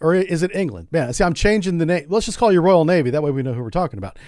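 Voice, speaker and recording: Middle-aged man from the US, game streamer, higher-pitched voice, dry close sound, rambling jokey delivery. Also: lively intonation, very fast, darkish tone, no room sound. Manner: joking, rambling, repeats words. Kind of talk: casual gameplay commentary.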